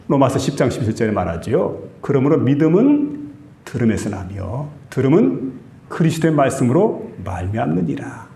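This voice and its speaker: A pastor with a Gyeongsang Korean accent preaching a sermon in a church, telling stories and asking the congregation questions. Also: male voice, medium pitch, vocal fry, mellow, slight background noise. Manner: storytelling with quoted voices, asks the congregation questions. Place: church sanctuary. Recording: echoey church room.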